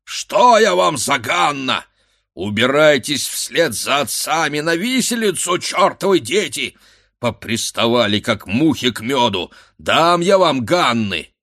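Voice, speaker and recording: A man voicing a gruff, angry middle-aged village head who shouts at the lads. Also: mid-range voice, big pitch swings, unhurried, no echo, studio quality, voice pushed up, exaggerated voice. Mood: furious. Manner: shouting angrily.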